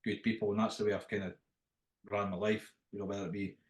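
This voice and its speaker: A middle-aged man with a Dundee Scottish accent talks in a fairly low voice, in an echoey room. He reminisces casually as an interview guest, rambling and often restarting his phrases. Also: level tone, quick pace. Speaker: interview guest, after-dinner impressionist. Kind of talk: casual anecdotal interview talk.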